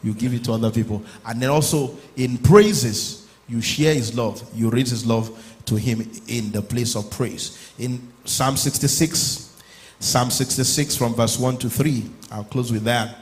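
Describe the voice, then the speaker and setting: A man's voice: mid-range voice, measured pace. Man preaching an urgent church sermon. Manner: preaching, urging the congregation, rising to loud exclamations. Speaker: pastor.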